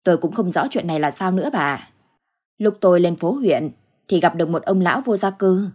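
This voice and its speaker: A woman's voice: fairly low pitch, fairly quick, a little mellow, breathy edge. A woman doing a frightened old village man. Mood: anxious. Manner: anxious, pleading. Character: frightened elderly village man, worried husband. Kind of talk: storybook ghost tale acting.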